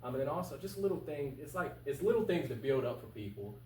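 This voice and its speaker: A very animated young man in his twenties, a candidate for local office, answers interview questions fast in a slightly high, slightly mellow voice. Casual and earnest, he's colloquial and emphatic and repeats points to stress them. The recording is roomy and distant, with a faint hum.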